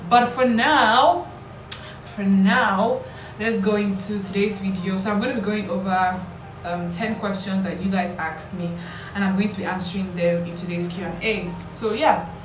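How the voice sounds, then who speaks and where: A Lagos woman in her twenties with a Nigerian accent vlogs from a small room with bare walls, answering questions to camera in a casual, playful way. Her mid-range voice has fairly even intonation at a normal speed, and the distant mic catches roomy echo, background noise, and music.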